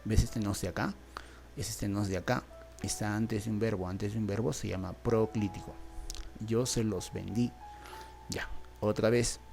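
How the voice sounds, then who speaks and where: A man with a Peruvian Spanish accent teaches a grammar lesson in a low, gravelly voice. He walks through each example patiently and checks in often. Faint music plays underneath. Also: steady tone, normal speed, pauses often, darkish tone. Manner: patient, repeats points and asks "¿ves?".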